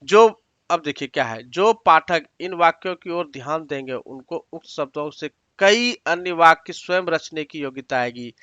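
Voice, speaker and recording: Male teacher, higher pitch, patient step-by-step drilling of words, dry dull-sounding recording. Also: a bit bright, clean tone, no room sound. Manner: patient, repeats each word and its meaning step by step; addresses learners directly with instructions. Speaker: Sanskrit teacher. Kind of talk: exam-prep lesson explaining sentences.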